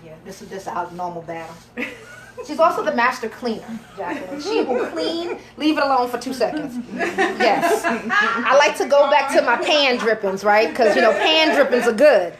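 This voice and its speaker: A woman's voice: sits high, lively intonation, normal speed, a crowd in the background. A woman chef giving a live cooking demonstration in a kitchen, chatty and instructive, joking with her helpers, recorded on a phone camera. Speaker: chef and caterer. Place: home kitchen, indoors.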